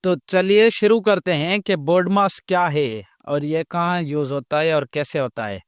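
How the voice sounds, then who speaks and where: A man teaching a step-by-step math lesson, explaining slowly and patiently and often checking that students follow. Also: a little high, clean tone, dry recording, clean studio sound. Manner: slow, patient explaining with repeated check questions. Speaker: math teacher, channel host.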